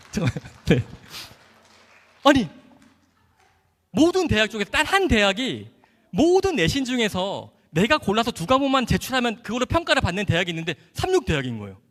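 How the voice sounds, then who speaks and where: A man who is a doctor giving an animated church testimony, acting out dialogue and laughing often as he tells his story. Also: sits high, moderate pace, long pauses. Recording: echoey hall.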